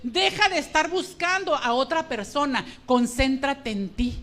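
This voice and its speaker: A woman's voice: sits high, measured pace, fairly bright tone. A woman preaching a sermon with emotion, speaking emphatically and directly to her congregation. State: emotional, trembling.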